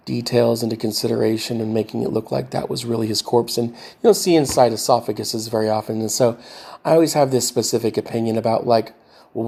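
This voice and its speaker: A man talking in a rambling casual monologue, halting often with fillers and restarts as he tries to recall what he said before. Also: mid-range voice, gravelly, darkish tone. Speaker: vlogger retelling a movie rewrite.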